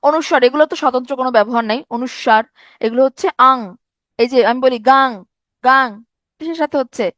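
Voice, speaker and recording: A young woman teaches an exam-prep grammar lesson in a high voice, tired from no sleep. She repeats each point and keeps asking her listeners rhetorical questions. The sound is dry and close, with no room echo. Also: rapid-fire, a bit bright.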